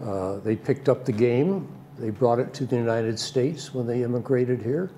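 An older man answering in a studio interview, unhurried and hesitant with dry humor. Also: medium pitch, warm tone, a little hiss or hum. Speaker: bocce club member. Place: TV studio set.

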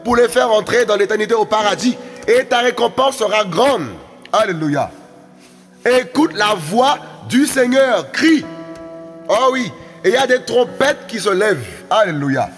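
A high-pitched man delivers a fiery, exhorting sermon, hammering phrases again and again. His voice rings through a long, echoing hall with faint music underneath. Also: lively intonation, normal speed. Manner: shouting and exhorting, repeating words. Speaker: preacher.

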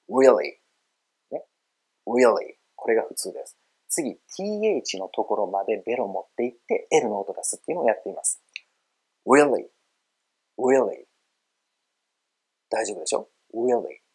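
A middle-aged man with a mid-range, gravelly, slightly mellow voice and a breathy edge gives a casual video lesson on English pronunciation. He explains things in a friendly way, calls himself an old guy, and demonstrates words with exaggerated emphasis. The recording is rough.

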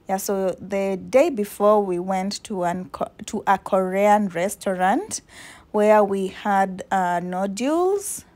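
A woman chatting casually to her viewers in a travel vlog, excited and talkative. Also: mid-range voice. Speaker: vlogger. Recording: noisy background hiss.

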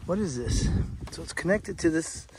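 A man's voice: on the high side, lively intonation, normal speed, noisy background. A man exploring a desert site outdoors, talking casually to the camera, wondering aloud and correcting himself. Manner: musing aloud, wondering questions, self-corrections. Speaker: explorer vlogger. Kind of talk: casual vlog narration while exploring.

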